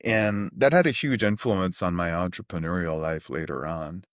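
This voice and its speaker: A middle-aged New man with a low, deep voice, recalling his youth in a loose, animated way. He leans on fillers and sidetracks, and the recording is close and dry with no room sound. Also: moderate pace, no echo. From New York City (Queens). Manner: animated, rambling, uses many fillers like "like". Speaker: podcast guest, CEO. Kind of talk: casual storytelling interview.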